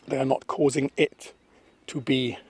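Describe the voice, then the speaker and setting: A man talking into his phone on a misty countryside walk, thoughtful and rambling, pausing often. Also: mid-range voice, level tone, darkish tone. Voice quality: husky. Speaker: vlogger. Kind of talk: casual walking vlog monologue. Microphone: phone held at arm's length.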